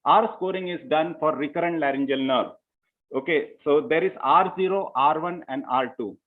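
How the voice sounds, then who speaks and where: A man's voice: on the high side, moderate pace. A man, a surgeon giving a conference lecture in a methodical, step-by-step way, often saying "you know" as he goes. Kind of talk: medical lecture. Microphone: remote call line. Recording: tinny phone-like call audio.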